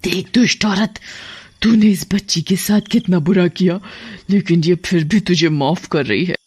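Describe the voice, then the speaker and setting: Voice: mid-range voice, moderate pace, breathy edge, no echo, lightly acted. A fierce queen of the witches from a cartoon storybook , voiced by a narrator. She cackles and scolds in a commanding way. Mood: scolding.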